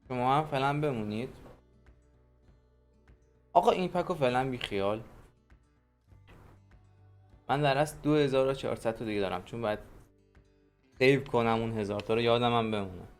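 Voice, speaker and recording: A young man giving casual, excitable commentary while opening card packs, talking to the players on the cards and to his viewers. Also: medium pitch. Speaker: gaming video creator. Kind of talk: pack-opening gameplay commentary.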